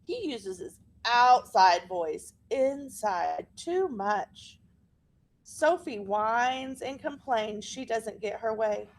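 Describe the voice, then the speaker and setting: Reading a children's picture book aloud, a woman with a slightly high voice uses an expressive, deliberate storytelling style.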